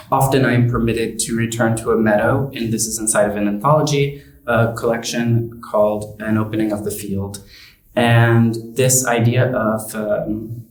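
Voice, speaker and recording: A man in his thirties from the United States, an artist talking slowly and haltingly about his work, with many pauses and ums. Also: medium pitch. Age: 30s. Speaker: exhibiting artist. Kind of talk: reflective talk about his art. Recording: roomy, distant from the mic.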